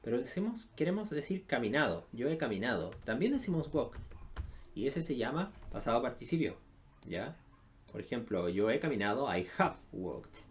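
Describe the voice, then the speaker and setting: A man's voice: medium pitch, sing-song, moderate pace. A man, teaching an English lesson in a recorded online class. He explains step by step, with many filler sounds, and often checks in with his students.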